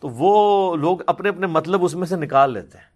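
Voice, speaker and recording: A man giving a religious question-and-answer talk, reasoning patiently and pressing hard on his key points. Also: sits high.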